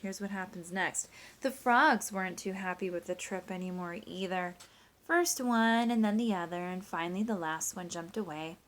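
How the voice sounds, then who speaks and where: A woman teacher with a lowish, slightly bright voice and a moderate pace gives an expressive reading of a picture book. She blends it with basic math, guiding the children through simple sums step by step and questioning them as she goes.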